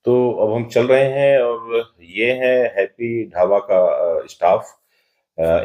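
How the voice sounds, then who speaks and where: A man hosting a casual travel vlog, narrating in an unhurried way with frequent "uh" pauses. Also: on the low side, darkish tone. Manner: unhurried, pauses often with "uh" fillers. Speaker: travel vlogger host. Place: driving on hilly roads, then at a roadside dhaba and outdoors.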